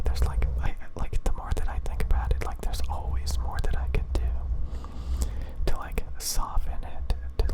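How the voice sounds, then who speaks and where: A person speaking entirely in a breathy, unvoiced whisper, rambling in a halting, repetitive way in the style of ASMR. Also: low-quality recording. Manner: rambling, halting, repeats words and phrases. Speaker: ASMR video creator.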